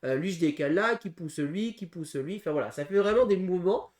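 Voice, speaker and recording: A man co-hosting a casual board game preview, talking through game rules with frequent pauses and restarts. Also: high-pitched, lively intonation, darkish tone. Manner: hesitant, full of pauses and restarts while explaining rules. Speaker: board game channel co-host.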